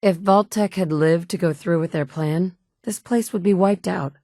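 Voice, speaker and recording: A woman does video game voice acting as the player character, a tough, sardonic wasteland survivor who talks dryly and bluntly with sarcastic asides. Her low-side voice is mellow, at normal speed and close to everyday speech, captured on a close studio mic in a booth with no echo.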